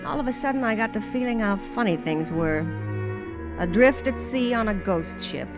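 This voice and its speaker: Over background music, an actress in a 1950s radio drama narrates and plays a wry, streetwise, colloquial showgirl who has been cast away. Her voice is a little high, with lively intonation and a normal speed, and her mood is reflective. The recording sounds dull and vintage, like old radio.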